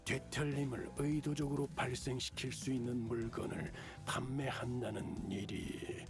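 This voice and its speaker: A man's voice: medium pitch, flat delivery, very fast, close to an everyday voice. A man acting a stern, weary company guide in dramatic video game dialogue. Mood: stern, disapproving. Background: loud game music.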